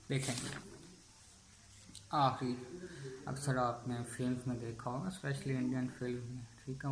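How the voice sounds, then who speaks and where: A man with a Pakistani Urdu accent teaching chemistry, slowly chanting memory phrases syllable by syllable. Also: medium pitch. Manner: slow, even delivery, chants mnemonic phrases syllable by syllable. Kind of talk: classroom-style lesson with memory tricks. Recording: echoey room, faint background hum.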